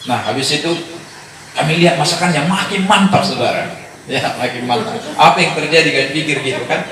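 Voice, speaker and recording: A man preaches to his congregation, turning a family memory into an animated story. His voice sits slightly high and he keeps chuckling as he talks. He is heard from some distance in a very reverberant hall with a faint hiss underneath. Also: brisk. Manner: animated storyteller who addresses the audience as brothers and chuckles often. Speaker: preacher leading a discipleship session.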